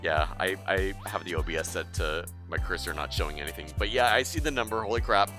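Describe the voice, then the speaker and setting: A woman's voice: a bass voice, quick pace, music in the background. A young woman streaming a game, chatting casually and animatedly, often laughing. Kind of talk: casual live-stream chat.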